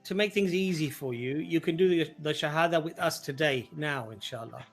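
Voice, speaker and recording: A man hosting a call-in show, explaining calmly and patiently. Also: on the high side, moderate pace, soft background music. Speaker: host.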